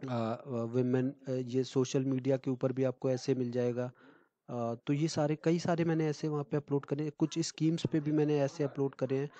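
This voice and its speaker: A man explains exam topics to students in a casual lecture, pausing often on fillers and checking in with "okay". His voice is mellow and fairly monotone. The recording sounds slightly muffled and lo-fi. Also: mid-range voice, no room sound. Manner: chatty, frequent fillers and "theek hai" check-ins. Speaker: exam coaching tutor.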